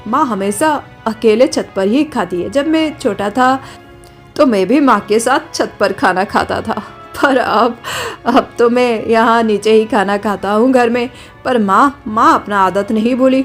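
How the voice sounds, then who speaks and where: A woman's voice: fairly high pitch, measured pace, soft background music, lightly acted. A woman voicing a friendly young husband in a cartoon story, talking upbeat. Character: cheerful young husband and son.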